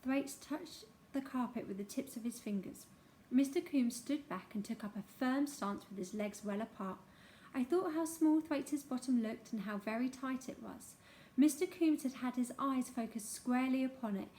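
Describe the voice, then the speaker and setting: A woman narrating a childhood memoir aloud in an expressive storytelling manner. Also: sits high, normal speed, slight background noise.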